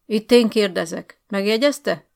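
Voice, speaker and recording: A self-important young male officer , as a woman storyteller puts him on who barks out curt questions and accusations. The voice keeps a gravelly rasp underneath. It is an audiobook reading. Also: fairly low pitch, steady tone. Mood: blustering. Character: pompous young male lieutenant colonel, bullying.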